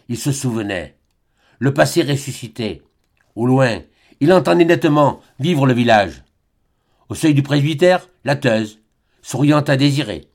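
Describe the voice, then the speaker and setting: A man narrating a classic novel as an audiobook reader, in a measured, dramatic way. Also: medium pitch, darkish tone.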